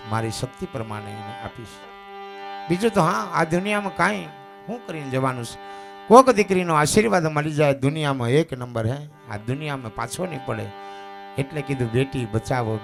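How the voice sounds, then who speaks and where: Gravelly, emphatic Gujarati preacher man. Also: on the high side. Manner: emphatic, repetitive, swings between loud declaiming and quiet coaxing. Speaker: spiritual preacher. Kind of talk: devotional sermon.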